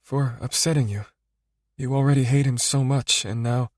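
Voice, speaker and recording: A man's voice: mid-range voice, fairly even intonation, normal speed, no room sound, clean studio sound, pitched above the performer's own voice, lightly acted. A man voicing a heartbroken young woman about to be married, crying and speaking in a small, breaking voice. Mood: hushed.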